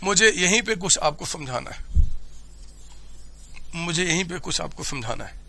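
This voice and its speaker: A male commerce teacher giving a classroom lecture, loud and energetic with a sore throat, often shouting and constantly quizzing his students. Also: fairly high pitch, moderate pace, vocal fry, slight background noise. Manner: keeps asking students questions.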